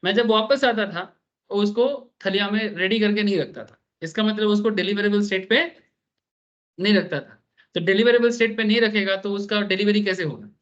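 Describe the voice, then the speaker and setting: A man lectures a class on business law in a high voice, telling anecdotes and checking that the students follow. He talks in a chatty, storytelling way and mixes in English terms. The recording is dull and lo-fi. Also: normal speed, a bit bright. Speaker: teacher.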